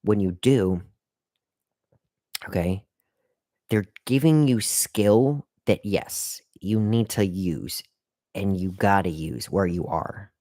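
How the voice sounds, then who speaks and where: A man's voice: on the low side, slow pace, mellow, no room sound, clean studio sound. A man hosting a live stream and giving casual career advice to viewers in a rambling, repetitive way, often talking straight to the chat. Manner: rambling, repeats himself, talks straight to the chat; hiccuping and burping at times.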